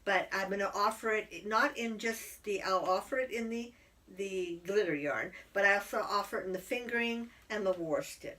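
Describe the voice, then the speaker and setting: A middle-aged woman talks through her knitting and yarn plans in a loose, rambling chat. She speaks at a medium pitch and sits a little back from the microphone, so the sound sits slightly distant. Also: normal speed, bright, forceful tone. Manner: chatty, rambling with fillers. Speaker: podcast co-host, yarn dyer. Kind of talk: casual chat.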